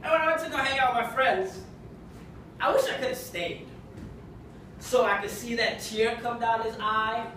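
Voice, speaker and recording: A young man from Kenya performing a stand-up routine in a small comedy club, with a wry, conversational delivery and deadpan punchlines. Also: extremely high pitch, moderate pace, long pauses, slight background noise. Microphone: handheld mic, filmed from far in the audience. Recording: echoey club from far off with audience laughter.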